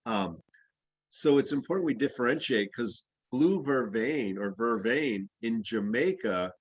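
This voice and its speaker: A man's voice: mid-range voice, lively intonation, measured pace, slightly rough, no room sound, poor audio. A man who grew up in the Bahamas, teaching an herbalism class in a loose, rambling, anecdotal way with plenty of fillers. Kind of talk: casual class discussion.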